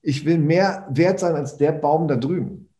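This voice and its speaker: A man's voice: a little high, a little slow, warm tone, reverberant, natural voice. A man voicing a laid-back, self-assured tree in a spoken fable, blunt and easygoing.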